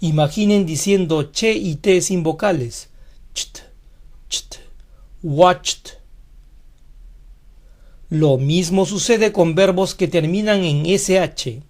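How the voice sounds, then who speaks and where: A teacher giving a scripted pronunciation lesson, speaking deliberately and saying each model word twice. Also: medium pitch, a little mellow. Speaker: English teacher.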